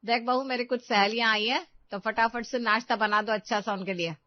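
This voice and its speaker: A woman acts out a domineering middle-aged mother-in-law in a storybook tale, barking orders loudly in a high-pitched voice. She keeps scolding, with no warmth at all. The sound is close, dry and a little dull. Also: fairly even intonation, fairly quick, no echo, natural voice. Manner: scolding, loud and commanding.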